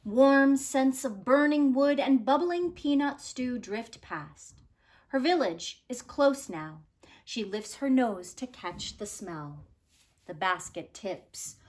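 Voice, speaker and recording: A woman with a fairly high voice reads a children's story aloud, lingering over each phrase. Her pitch rises and falls expressively, the way a teacher shares a book with a class, in a deliberate storytelling style.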